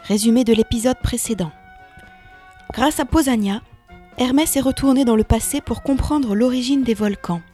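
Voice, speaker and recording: A woman narrating a children's myth story in an expressive reading voice that sinks to a hush in tense moments. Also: a little high, moderate pace, soft background music.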